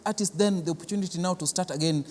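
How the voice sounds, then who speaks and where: A cultural centre guest with a Kenyan accent speaks rapid-fire in a high, darkish voice, giving earnest, explanatory interview answers without a script and frequently repeating words. The echoey hall of the large theatre building leaves clear background noise.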